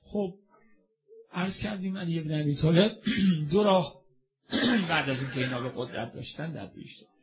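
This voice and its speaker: A man's voice: a little high, long pauses, dull audio. A man preaching a religious sermon with a passionate delivery, asking the audience questions and answering them himself. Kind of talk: religious sermon and mourning recitation.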